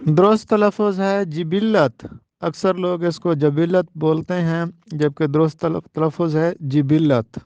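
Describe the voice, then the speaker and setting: A man with a high, smooth and mellow voice teaches an exam-prep lesson. He says each word deliberately and repeats the correct form. The recording sounds dull and lo-fi. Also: flat delivery, no echo. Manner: careful, deliberate pronunciation drills. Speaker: Urdu teacher.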